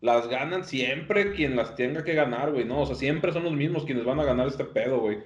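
A man's voice: medium pitch, normal speed. Roomy, dull-sounding Mexican man, slangy and profane. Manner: profane, slangy street talk. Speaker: podcast co-host. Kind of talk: casual chat, sports opinion.

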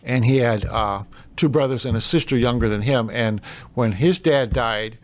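A mature man co-hosts informal community news in a mid-pitched voice. He is plainspoken and a little hesitant, moving between reading notices and rambling conversational remarks. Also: normal speed. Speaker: local news show co-host.

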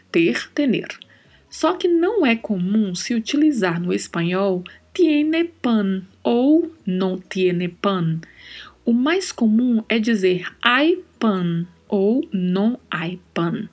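A woman's voice: mid-range voice, darkish tone, slightly rough. A woman hosting a podcast Spanish lesson, explaining patiently step by step. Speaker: Spanish teacher, podcast host.

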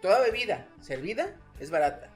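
A woman's voice: medium pitch, very animated, a little fast, faint music behind. Young woman explaining plainly. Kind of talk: casual chat among friends.

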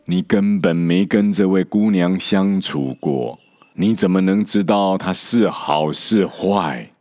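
A man playing a stubborn old monk who lectures in a very deep, slow, measured voice, reproachful and steady, over faint music. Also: in a large hall. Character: gentle, stubborn old male monk, scolding. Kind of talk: storybook character voice.

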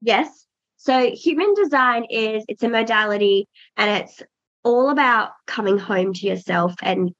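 Pregnant woman, thirties, podcast guest, earnest, reflective, mid pitch, dull lo-fi sound. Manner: earnest and reflective, many restarts. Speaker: podcast guest, birth doula. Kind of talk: casual interview chat. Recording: dull lo-fi audio.

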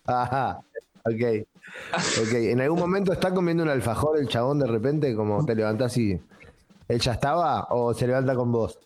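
A man with a Rioplatense Spanish accent, asking teasing, rapid-fire questions as a podcast co-host. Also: medium pitch, darkish tone. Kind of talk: casual comedic chat.

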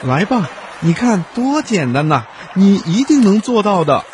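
A man's voice: high voice, sing-song, unhurried, darkish tone, slight background noise, voice pushed up. A man voicing a small, friendly boy polar bear cub in a children's story, speaking eagerly and kindly. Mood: encouraging. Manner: eager, kind and encouraging.

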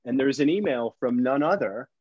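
A man tells a story with breathless, animated energy, leaning on "like" as he goes and slipping into the voices of the people in it. The sound is dry and close, with a slightly muffled, lo-fi tone. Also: mid-range voice, normal speed, no echo. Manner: excitable, heavy use of "like", acts out voices. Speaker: podcast co-host telling a guest story.

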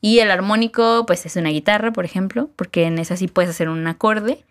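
A woman with a Mexican Spanish accent talks through musical ideas in a relaxed podcast chat. She explains patiently, leans on fillers, and laughs easily. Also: mid-range voice, fairly quick.

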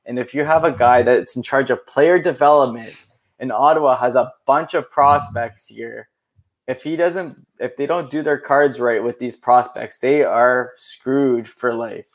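A man's voice: mid-range voice, measured pace. A young man co-hosting a podcast, chatting casually about hockey and rambling with lots of filler words. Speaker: podcast co-host. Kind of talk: casual sports chat.

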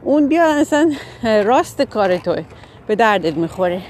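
A woman's voice: mid-range voice, very animated, noisy background, natural voice. Woman voicing a proud, chatty woodpecker. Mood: helpful. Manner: boastful, then soothing.

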